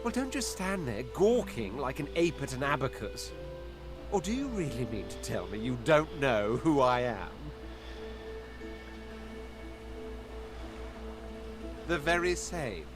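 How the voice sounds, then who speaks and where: A grandiloquent lizard prince for a video game. He is haughty and condescending, with theatrical phrasing and a lively, swooping delivery over game music. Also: a little high. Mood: indignant, boastful. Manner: pompous, theatrical, flowery phrasing. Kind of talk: video game character acting.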